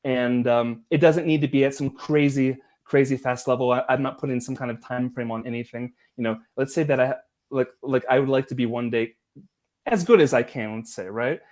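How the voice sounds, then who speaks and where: A man hosting a language-learning livestream, chatting in a relaxed, rambling way and laughing easily. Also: mid-range voice, brisk. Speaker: livestream host. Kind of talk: casual livestream chat.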